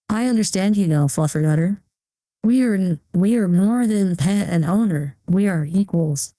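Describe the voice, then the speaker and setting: Casting: woman to play cat-obsessed owner for parody testimonial. Warm, medium-pitched voice, dreamy sincerity, melodrama. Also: dry recording, lightly acted. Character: intensely devoted female cat owner giving infomercial testimonial.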